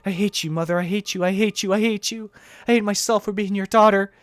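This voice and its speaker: A man voices a teenage girl losing her grip on reality under a curse, pitched a touch high. She talks in a frantic, pleading loop and keeps saying the same words over and over. The whole thing plays as a dramatic visual novel reading. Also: a little fast, dry recording, close to an everyday voice. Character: teenage girl unraveling into curse-driven madness. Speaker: let's play reader voicing all parts.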